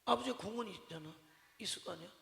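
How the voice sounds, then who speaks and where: In an echoey church sanctuary with long reverb, a male pastor delivers a Wednesday evening sermon in a high, creaky, sharp voice at a quick pace. He talks conversationally, quizzing the congregation with repeated questions and telling humorous stories about his mother.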